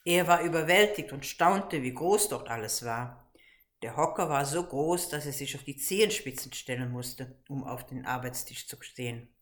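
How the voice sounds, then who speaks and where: A woman with a low voice reads a children's story aloud. She keeps a calm, even pace throughout. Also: normal speed. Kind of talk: storybook reading.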